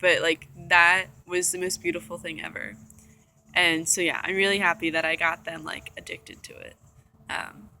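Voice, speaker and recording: A woman's voice: lowish voice, little pitch movement, moderate pace, sharp tone, a little hiss or hum. A young woman vlogging from a room, telling a story in a chatty, rambling way full of fillers. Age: young adult. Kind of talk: casual storytelling vlog. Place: indoor room.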